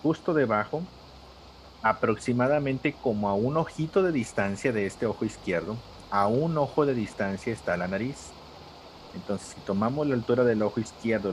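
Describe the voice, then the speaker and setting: Patient low-voiced drawing teacher. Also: male voice, a little hiss or hum, poor audio. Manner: patient, step-by-step, addresses students by name. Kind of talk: live drawing class instruction.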